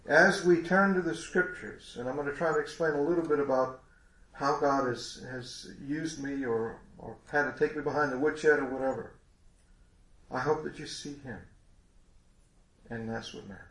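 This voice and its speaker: A man's voice: mid-range voice, moderate pace, fairly bright tone, reverberant. A congested man preaching a sermon in a folksy, rambling way with many restarts.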